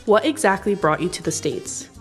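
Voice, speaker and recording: A woman in the middle range of pitch narrates a family history and asks her grandmother questions. She reads in a clear, measured, steady way, and soft music plays faintly under her. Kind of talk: scripted narration and interview questions.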